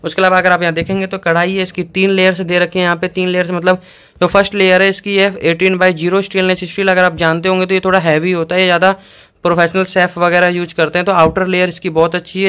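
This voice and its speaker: A man's voice: sits high, flat delivery, quick pace, a bit bright, smooth. A man doing a casual unboxing review, chatting to viewers and explaining each step plainly. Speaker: product reviewer.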